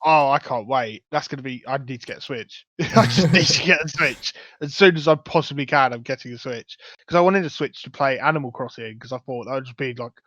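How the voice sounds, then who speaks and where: A man's voice: mid-range voice, fairly quick, hardly any pauses, fairly bright tone, no echo. A young man hosting a podcast, talking casually and enthusiastically, rambling a bit. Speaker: podcast host. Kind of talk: casual chat. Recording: dull, lo-fi dry sound.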